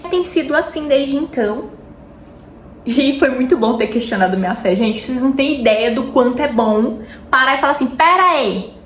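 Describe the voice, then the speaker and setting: A woman with a Brazilian Portuguese accent talks in a slightly high voice, chatty and heartfelt, as she addresses viewers intimately in a casual faith vlog. She often drifts off topic mid-thought. The room gives her voice a clear echo, with faint noise behind it. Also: moderate pace. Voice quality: warm, intimate, talks directly to viewers as "meu amor". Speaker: vlogger.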